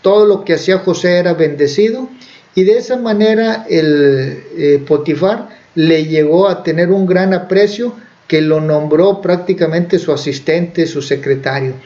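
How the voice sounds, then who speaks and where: Guy preaching, telling a bible story kinda loose with lots of ums, slightly high voice, muffled lo-fi audio. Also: unhurried, mellow. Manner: conversational, with fillers and self-corrections. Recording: dull lo-fi recording.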